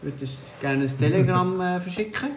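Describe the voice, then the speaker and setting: A man's voice: high voice, a little fast, echoey room, slight background noise. A man with a Swiss German accent chatting casually, often searching for his words. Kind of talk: casual chat.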